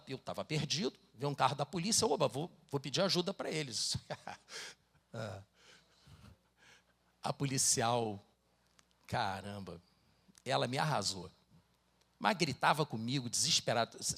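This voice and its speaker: A middle-aged Brazilian pastor preaches, his high voice swooping through a wide, lively range. He tells stories in a conversational tone and reads scripture with dramatic force. His accent is Brazilian Portuguese. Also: creaky. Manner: animated storytelling with dramatic Bible reading. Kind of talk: sermon.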